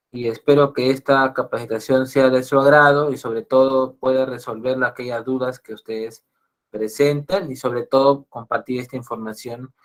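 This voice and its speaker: A Peruvian man lecturing as a psychologist in an online class. His voice sits at an average pitch, and he talks straight to his listeners. He keeps circling back and restarting his phrases. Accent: Peruvian Spanish. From Peru. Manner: repetitive, restarts phrases often, addresses audience directly. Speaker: psychologist giving a webinar talk.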